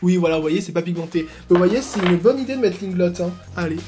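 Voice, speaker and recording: A man hosting a casual makeup tutorial at home, talking in slangy asides and breaking into excited exclamations. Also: sits high, fast, music in the background. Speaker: beauty YouTuber.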